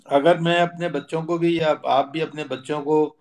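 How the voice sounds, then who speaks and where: A middle-aged man with a somewhat raised pitch teaches a religious lesson. He explains earnestly, circling back over key phrases. He often drops English terms into his speech. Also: little pitch movement, a little mellow. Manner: earnest, repeats phrases for emphasis, mixes in English words. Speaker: Quran teacher.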